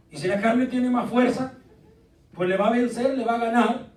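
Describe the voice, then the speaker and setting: A man preaching a lively, joking sermon as pastor, calling out questions to his congregation. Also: high voice. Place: church sanctuary. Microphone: distant from the mic. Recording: echoey church recorded from a distance.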